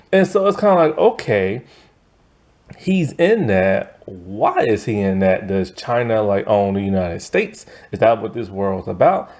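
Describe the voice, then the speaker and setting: A man's voice: mid-range voice, warm tone. A young man casually recapping a TV episode in a loose, slangy, exasperated way, full of fillers and restarts. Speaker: TV episode reviewer.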